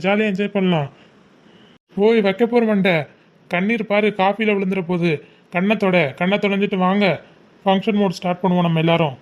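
A man's voice: high voice, close to an everyday voice. A man playing a cheerful, joking uncle who coaxes the family in a web series. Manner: cheerful, coaxing, jokey. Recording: muffled lo-fi recording.

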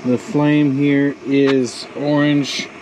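A man vlogging casually while camping on an enclosed pontoon boat, chatty and relaxed, with plenty of filler words. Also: medium pitch, extremely slow, background noise. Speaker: outdoor vlogger. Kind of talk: casual camping vlog talk.

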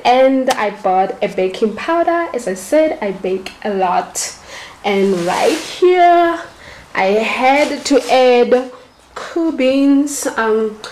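A woman's voice: mid-range voice, darkish tone, slight background noise, rough recording. A young woman chatting casually to a handheld camera, giggling often as she talks viewers through her shopping. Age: young adult. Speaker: vlogger. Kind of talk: casual vlog chat. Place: shopping mall, then a home kitchen. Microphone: handheld camera at arm's length.

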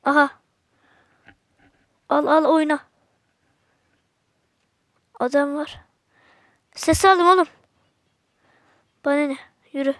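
Very high-voiced woman playing a shooter game. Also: steady tone, slow, pauses often, no room sound, studio quality. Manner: slangy, talks to viewers, sudden frustrated outbursts. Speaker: gaming channel host. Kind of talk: casual gameplay commentary.

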